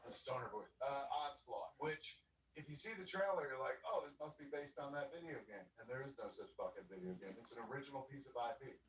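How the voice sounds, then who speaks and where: A man's voice: mid-range voice, a little fast, a bit bright. Profane, rambling middle-aged man, roomy and distant. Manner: profane, loose storytelling full of fillers. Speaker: podcast storyteller recounting a convention. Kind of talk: casual rambling chat. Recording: roomy distant sound with faint noise.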